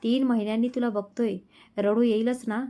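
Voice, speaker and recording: A woman's voice: a little high, flat delivery, moderate pace, dark tone, lightly acted. A woman voicing a young husband in a romance storybook reading, speaking in an affectionate, playful way. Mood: tender. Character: young husband, tender and teasing.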